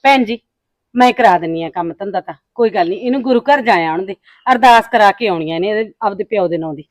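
A woman playing an older family woman who tries to calm the mother-in-law and defend the daughter-in-law. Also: mid-range voice, dry recording, clean studio sound, close to an everyday voice. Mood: placating. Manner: quick, placating. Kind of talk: amateur short-film acting.

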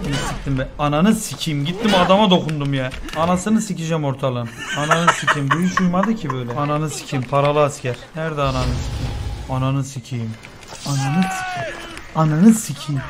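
A man streaming a video game, swearing nonstop and flaring into sudden shouts. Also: a little high, sing-song, brisk, very noisy. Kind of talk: live gaming commentary.

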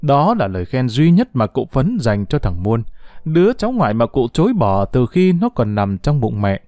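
A man reading a short story aloud as a storyteller, expressive and lively, close to the mic. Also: normal speed, dry recording, soft background music. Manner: expressive reading with lively pitch, voicing quoted characters. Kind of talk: scripted narration of a short story.

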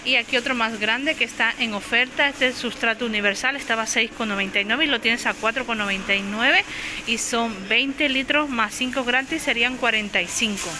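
A shopping vlogger walks through a big discount supermarket with her phone camera, narrating casually in a slightly high, slightly fast voice as she rattles off prices and sizes and fixes her mistakes. Background music runs under her voice, and the background is noisy.

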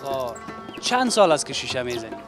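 A man's voice: mid-range voice, sing-song, over music. A man with an Afghan Dari accent working as a street reporter, asking friendly, coaxing questions outdoors on a city street. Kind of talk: street interview.

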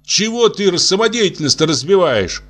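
A man voicing a brisk, scoffing young mother in a storybook reading. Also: sits high, very animated, a bit bright, pitched above the performer's own voice, exaggerated voice.

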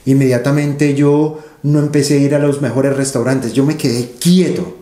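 A man's voice: medium pitch, steady tone, normal speed, warm tone, echoey room. A man, an interview guest telling stories animatedly and repeating phrases for emphasis. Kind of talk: conversational interview storytelling.

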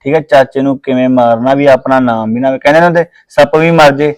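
A man's voice: mid-range voice, steady tone, quick pace, smooth, dry recording, natural voice. An actor playing a scheming young village man plotting over land, with a Punjabi accent, insistent and argumentative. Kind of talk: Punjabi village short film acting.

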